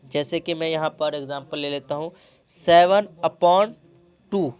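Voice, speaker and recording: A man's voice: a little high, unhurried, darkish tone, clear, resonant tone. Man tutoring with call-and-response questions. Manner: affectionate terms for pupils. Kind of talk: classroom math lesson.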